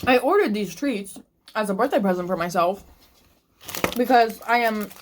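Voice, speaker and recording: A woman vlogger chats about what she's reading in a relaxed, conversational way. She is eating snacks as she talks, and she trips over and restarts her sentences as she thinks aloud. Her voice sits in a middle pitch, and soft crinkling and clicks are heard in the background. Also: normal speed, background noise. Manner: eating snacks while talking. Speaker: book vlogger. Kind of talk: casual chat to camera.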